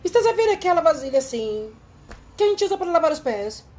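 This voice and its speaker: A woman's voice: very high voice, big pitch swings, fairly quick, darkish tone, slight background noise, voice pushed up. Brusque guesthouse boss lady, put on by a woman, matter-of-fact.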